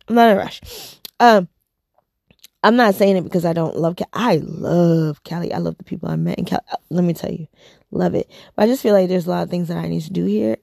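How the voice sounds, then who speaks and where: An American woman in her thirties chats casually to camera, rambling, repeating herself, and yawning from tiredness. Her medium-pitched voice is creaky and warm, captured in a dry, clean studio recording.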